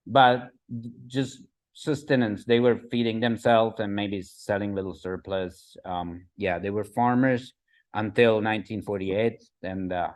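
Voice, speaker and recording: A man in his forties from the Republic, giving a slide talk as a guest speaker, halting with fillers and often asking "right?". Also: medium pitch. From Czech Republic. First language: Czech. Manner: halting, many fillers and restarts, asks "right?". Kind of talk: presentation with slides.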